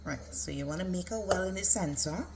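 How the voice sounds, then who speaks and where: A woman's voice: fairly low pitch, a little fast, creaky, heavy background noise. A woman giving a casual, step-by-step cooking demonstration as a home cook. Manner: instructional, step-by-step. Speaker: home cook presenting a recipe.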